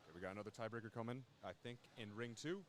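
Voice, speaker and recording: A man's voice: on the low side, rapid-fire, crowd noise. A man doing casual live commentary at a fencing tournament, chatty and joking as he plays with the soundboard.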